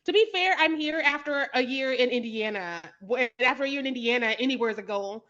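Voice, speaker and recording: A woman from Kansas City on a podcast, telling stories in a casual, animated way and laughing often. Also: sits high, fast, lo-fi sound. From Kansas City, Missouri, US. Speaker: podcast guest, playwright.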